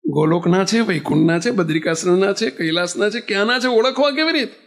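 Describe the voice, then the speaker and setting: A man's voice: high voice, brisk, vocal fry. A man, a monk preaching a sermon, telling stories and asking the audience rhetorical questions. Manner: lively storytelling with rhetorical questions.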